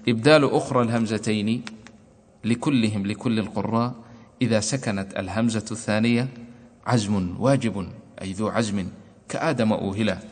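A man's voice: lowish voice, fairly quick. A man giving a lesson on Quran recitation, explaining the readings at length and chanting verses and lines of verse. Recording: long hall reverb.

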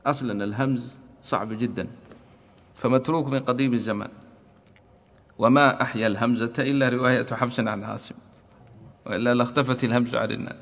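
A man teaching a recitation lesson in a deliberate, explanatory manner, slowly repeating his examples. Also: medium pitch, steady tone, creaky, a bit bright. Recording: long hall reverb.

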